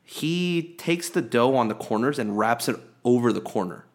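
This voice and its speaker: A man's voice: mid-range voice, animated, normal speed. A man co-hosting a sports podcast in casual chat, rambling and chatty with many fillers and restarts. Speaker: podcast co-host.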